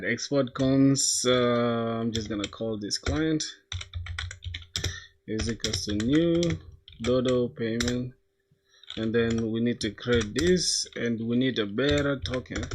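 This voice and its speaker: A young man from South Sudan talks through his code on a livestream, thinking aloud in relaxed slang. His voice sits at an ordinary middle pitch and jumps up when something excites him. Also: a little slow, noisy background. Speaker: coding livestreamer. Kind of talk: casual live coding commentary.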